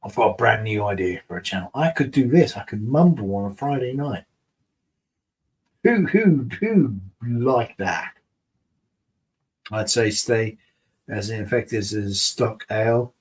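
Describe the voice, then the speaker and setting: Speaking in a lowish voice at a normal speed, a beer reviewer hosts a relaxed live stream on his channel. He talks through viewers' comments in a rambling, mumbling way and is self-mocking.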